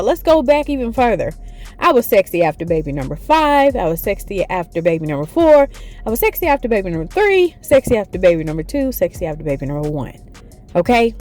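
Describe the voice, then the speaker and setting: Speaking in a medium-pitched, darkish voice, a forties-aged fitness vlogger cheers viewers on and frequently checks in with "okay?". The recording is echoey and distant, with music in the background.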